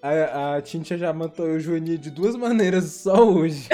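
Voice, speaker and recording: A woman's voice: deep voice, moderate pace, darkish tone. A young woman with a Brazilian Portuguese accent hosting a casual, slangy livestream in a giggly, teasing, informal way. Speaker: live stream host. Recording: background music under the voice.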